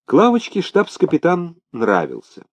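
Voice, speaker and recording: A man narrating an audiobook in an expressive storytelling manner, on a dull lo-fi recording. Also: on the high side, measured pace, no room sound. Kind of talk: scripted narration.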